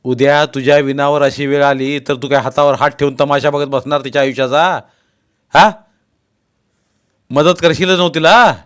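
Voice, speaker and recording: A male narrator playing an older father who scolds and lectures the family in a loud, commanding voice. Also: on the high side, fairly even intonation, normal speed, clear, resonant tone, voice pushed up, close to an everyday voice. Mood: stern.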